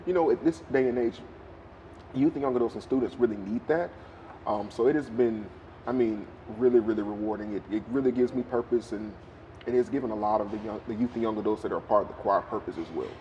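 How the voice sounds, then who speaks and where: Young male guest, mellow and relaxed, casual interview. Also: fairly low pitch, fast talker, highs cut off, a little hiss or hum. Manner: easygoing, affirming, says okay often. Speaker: guest, university staff member and choir leader. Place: restaurant, indoors.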